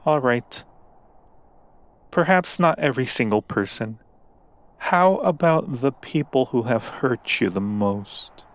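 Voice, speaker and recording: In this ASMR roleplay, a man portrays a seductive demon prince in human form, speaking slowly and deliberately at a medium pitch. His expressive delivery mixes menace with tenderness, sounding possessive and coaxing.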